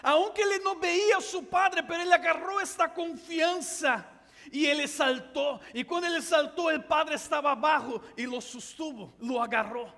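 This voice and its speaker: High, bright-voiced preaching man. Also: unhurried, in a large hall. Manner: preaching, building to shouts. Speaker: pastor. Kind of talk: sermon.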